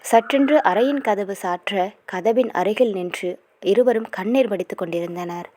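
A woman narrating a serial romance novel in a steady storytelling manner. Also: mid-range voice, moderate pace, dry recording.

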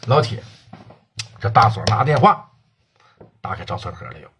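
A man's voice: on the low side, big pitch swings, normal speed, noisy background. A man telling a crime story in a colloquial, swearing storyteller's manner.

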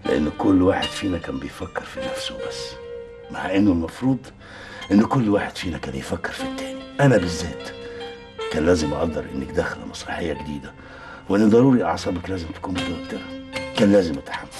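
Low-voiced egyptian husband, talks quick, earnest, music behind. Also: male voice, wildly swooping pitch, full character voice. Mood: apologetic. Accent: Egyptian Arabic. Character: thoughtful middle-aged husband, devoted to his wife. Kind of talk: TV drama acting.

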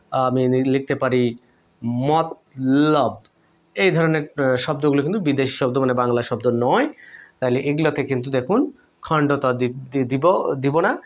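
A man teaching a spelling lesson, explaining step by step, asking his viewers questions and answering them himself, saying the example words over slowly. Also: medium pitch. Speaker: Bengali language teacher.

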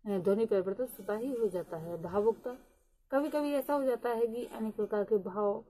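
A woman teaching a lesson at a slow, deliberate pace, with frequent hesitant fillers. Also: fairly high pitch, dark tone. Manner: reads English definitions very slowly. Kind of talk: lecture.

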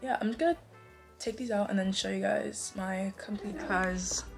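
A woman's voice: mid-range voice, normal speed, creaky, soft background music. A young woman with a bubbly sorority-girl manner, chatting casually to her vlog. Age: young adult. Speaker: vlogger, sorority member. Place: indoors, bedrooms, restrooms and meeting rooms. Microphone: handheld phone or camera nearby.

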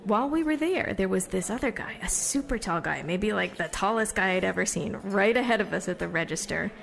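An actress in an audio drama plays a chatty, self-deprecating young American woman from Somerville who is set on becoming famous. Telling stories on stage in a conversational, confiding monologue, she speaks briskly and expressively in a mid-range voice with vocal fry.

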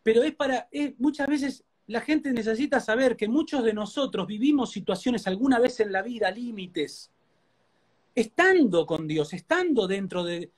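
At normal speed and with a very high, expressive voice, a Rioplatense-accented man testifies about his life during a live interview. He has a preacher's earnest, heartfelt style and repeats his words for emphasis time after time.

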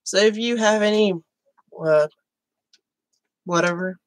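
A woman's voice: mid-range voice, measured pace, no echo. A woman with allergies chatting casually and self-mockingly while she plays music on a live stream. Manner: self-deprecating, swears, muttering while playing.

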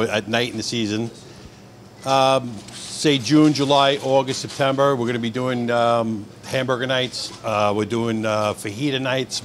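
A man's voice: medium pitch, a bit bright. Middle-aged deli guy, friendly and upbeat, handheld mic, faint noise in the back. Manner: friendly, upbeat, listing things quickly. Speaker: deli owner. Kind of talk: casual on-camera intro. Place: indoors in a deli kitchen.

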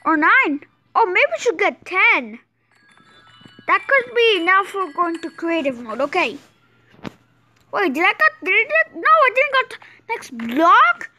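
Very high-pitched excitable gameplay host, woman. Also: unhurried. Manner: excitable, exclaims often, restarts sentences.

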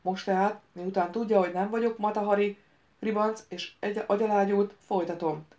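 A woman reading the part of a sharp-tongued young woman, a former bodyguard, with a cool, cutting manner, in an audiobook. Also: mid-range voice, fairly even intonation, muffled recording, lightly acted.

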